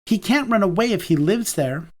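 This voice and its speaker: A cheeky, teasing young man from a romance audiobook, his voice lifted noticeably higher and bright with mischief, as a male narrator plays him. He talks lightly and playfully, as if he is always joking. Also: animated, moderate pace.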